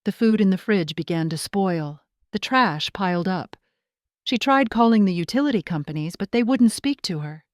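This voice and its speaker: A woman giving a measured, reflective first-person story narration. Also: medium pitch, expressive, dry recording, studio quality.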